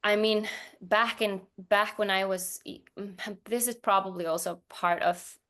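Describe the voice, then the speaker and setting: An Icelandic professional dancer, a non-native English speaker, talks casually as a podcast guest, hesitating and often restarting. Her medium-pitched, fairly bright voice is a little slow and fairly even in intonation.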